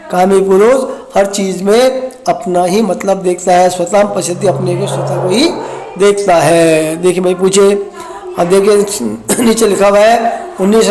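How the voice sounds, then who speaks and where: A man's voice: sits high, fairly even intonation, measured pace, darkish tone, echoey room. A man teaching a Sanskrit text, reciting each verse and then explaining it word by word in a lecture. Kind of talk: recorded classroom lecture.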